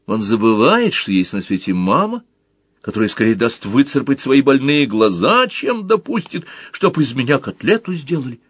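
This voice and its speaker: A man narrating a story as an audiobook, animated and switching between character voices. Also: medium pitch, normal speed, slightly rough, no echo, clean studio sound. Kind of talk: audiobook reading.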